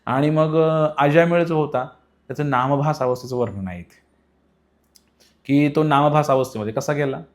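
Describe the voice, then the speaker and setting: A man giving a devotional sermon in a storytelling style. He explains patiently and rises in pitch and volume for emphasis. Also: normal speed. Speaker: devotional preacher.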